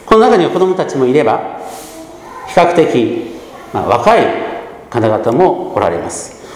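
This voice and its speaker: A man's voice: medium pitch, big pitch swings, a little hiss or hum. Man in his 50s preaching in an echoey hall. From Gunma, Japan. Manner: measured, many soft hesitations. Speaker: pastor. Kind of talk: sermon.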